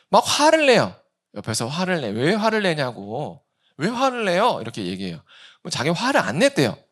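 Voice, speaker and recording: Male pastor, 30s, sermon; raised voice, very expressive pitch, rhetorical questions. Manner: animated preaching with acted-out quotes and rhetorical questions.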